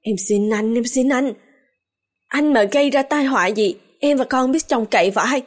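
A woman's voice: fairly high pitch, normal speed, lightly acted. A woman voicing a distraught young wife. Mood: pleading. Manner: pleading.

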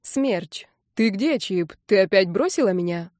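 A woman's voice: medium pitch, lively intonation, unhurried, a little mellow, no echo, clean studio sound, natural voice. A woman reading an audiobook, voicing the light, joking messages of a young man.

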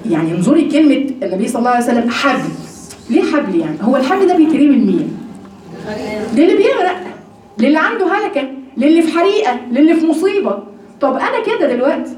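A woman with an Egyptian Arabic accent giving a religious lesson to women, animated and full of rhetorical questions. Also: high voice, reverberant, recorded from a distance, a little hiss or hum. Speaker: religious teacher.

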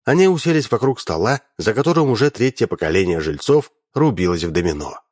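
A man narrating a story with animated storytelling. His low voice moves up and down a great deal and sounds close and dry. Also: brisk, dry recording. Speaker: audiobook reader. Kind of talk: expressive audiobook narration.

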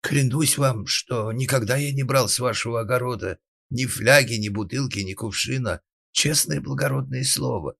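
An actor playing a timid, frightened carpenter who pleads and stammers in an audiobook. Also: male voice, medium pitch, lively intonation, normal speed, no room sound, clean studio sound, close to an everyday voice. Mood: pleading. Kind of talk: audiobook character acting.

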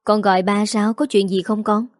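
A calm middle-aged father, read by a woman, speaks gently and politely. His voice sits in a medium pitch. The sound is close and dry. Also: moderate pace, no room sound, lightly acted.

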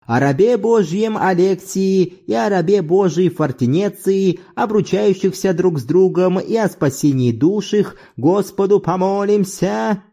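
A man's voice: fairly high pitch, expressive, unhurried, pitched above the performer's own voice. A man reading an audiobook, voicing an exuberant, playful middle-aged man who half-chants like a church singer. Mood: chanting. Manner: loud, theatrical, mock-chanting like church singing. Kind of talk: audiobook character voice.

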